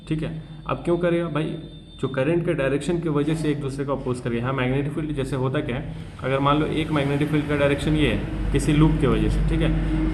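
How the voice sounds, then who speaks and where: A man teaching a physics class, explaining in casual talk and reading textbook lines slowly. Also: medium pitch. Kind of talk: class lecture. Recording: echoey room with faint hum.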